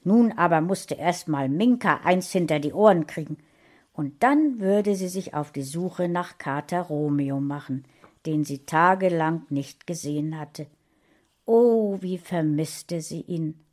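A woman narrating a storybook with an expressive, unhurried reading. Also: sits low.

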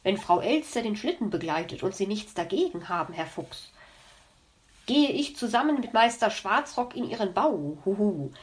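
A woman voicing a wise old male owl in a storybook tale, measured and hooting. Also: medium pitch, very animated, natural voice. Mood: earnest.

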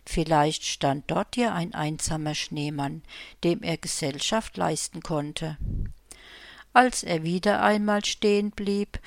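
A woman reading her own Christmas story aloud, calm and unhurried. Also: fairly low pitch, vocal fry, no room sound.

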